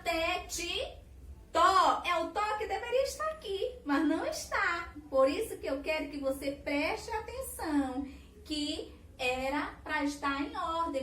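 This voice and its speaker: A Brazilian woman teacher talks young children through a lesson in a high, sing-song voice, drawing out each syllable with patience. She sits back from the mic in a roomy, echoing space. A faint hiss runs under her voice. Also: far from the mic. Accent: Brazilian Portuguese.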